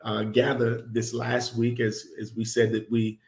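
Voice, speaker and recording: A middle-aged man hosting a casual talk show with his wife, speaking slowly with many fillers and restarts. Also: mid-range voice, completely flat delivery, darkish tone, reverberant. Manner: slow, halting, many fillers. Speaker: host.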